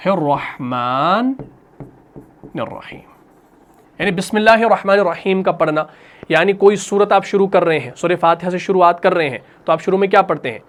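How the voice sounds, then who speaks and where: A man teaching a recitation class, patiently asking questions and answering them himself, repeating each term slowly. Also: high voice. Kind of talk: classroom lesson.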